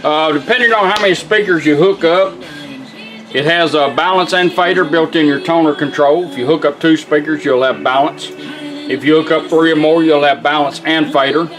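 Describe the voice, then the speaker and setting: A middle-aged Southern American man, a radio restorer who demonstrates products, walks through one at a moderate pace in a casual, folksy way. His voice sits a little high for a man, and he sounds plainspoken, like a tradesman showing his work, with music playing behind him.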